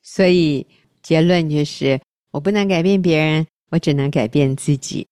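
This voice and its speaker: Earnest woman radio host, low voice. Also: normal speed, a little mellow, no room sound, clean studio sound. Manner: earnest, reflective, self-deprecating. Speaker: radio talk show host.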